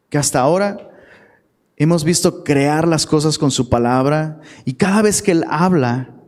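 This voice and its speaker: A man's voice: on the high side, a little mellow. A man preaching a casual sermon to a live audience as a youth pastor, slangy and chatty, often asking the crowd questions. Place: church hall. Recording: long hall reverb.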